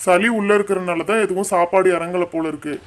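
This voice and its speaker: A woman voicing an adult doctor doll who briskly lectures a parent in a doll show. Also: fairly low pitch, steady tone, pitched below the performer's own voice, close to an everyday voice. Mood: stern. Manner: brisk, scolding advice.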